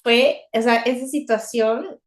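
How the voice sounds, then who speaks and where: A young woman with a Mexican accent, co-hosting a podcast in a chatty, animated way and laughing often. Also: fairly high pitch, slow pace. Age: young adult. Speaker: podcast co-host. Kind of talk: casual chat.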